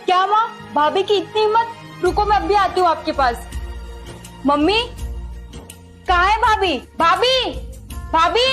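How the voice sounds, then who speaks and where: A woman's voice: very high-pitched, measured pace, pauses often, a bit bright, soft background music. A woman playing a hot-tempered married daughter in a family skit, scolding indignantly. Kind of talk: amateur family skit acting.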